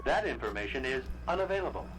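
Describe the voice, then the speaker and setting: A man's voice: medium pitch, fast, low-quality recording. A man voicing a cold, terse computer interface in a video game whose speech glitches and breaks off as it reports errors and corruption. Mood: glitching. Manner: clipped, flat machine-like announcements. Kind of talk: video game character dialogue.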